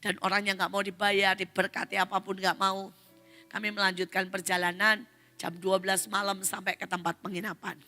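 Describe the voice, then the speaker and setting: A middle-aged woman pastor preaching a sermon, telling a personal story with animated energy and calling out to the congregation. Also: mid-range voice, moderate pace. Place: large church hall. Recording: long hall reverb with faint music.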